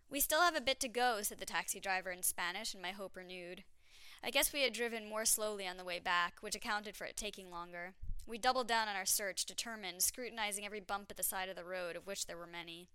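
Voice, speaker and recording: A woman's voice: lowish voice, steady tone, fast talker, sharp tone, smooth, no room sound. A woman narrating her own travel story in a candid, wry, self-mocking way.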